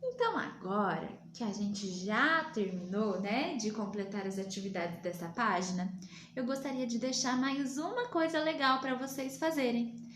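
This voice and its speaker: A woman from Brazil teaching young children, patient and drawing her words out slowly. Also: on the high side, lively intonation, fairly bright tone, roomy sound, slight background noise. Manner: slow, patient, drawn-out words for small children. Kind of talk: remote lesson for young children.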